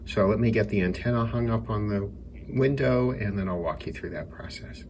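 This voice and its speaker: A radio hobbyist presenter with a very low voice casually talks through a hobby demonstration indoors by a window, taking his time and thinking aloud as he works, though his speaking speed is normal. Noise and static are clearly audible behind him in the room.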